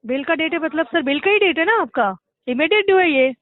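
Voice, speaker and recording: A woman's voice: sits high, expressive, fairly quick, no echo. A woman working as a bank recovery agent, pressing a caller with insistent questions on a phone call. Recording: tinny phone line.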